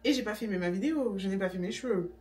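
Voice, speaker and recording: A young woman chatting casually to camera in her vlog, slangy and relaxed, sometimes talking with her mouth full. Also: medium pitch, quick pace. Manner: chatty, slangy, talks while eating. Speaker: vlogger. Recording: echoey room, voice a bit distant.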